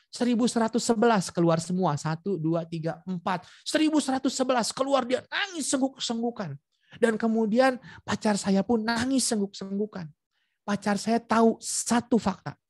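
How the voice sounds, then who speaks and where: A man preaching at a prayer meeting over a video call, telling a personal story with lively acted-out dialogue and speaking straight to his listeners. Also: high voice, no room sound, clean studio sound. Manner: addresses listeners directly.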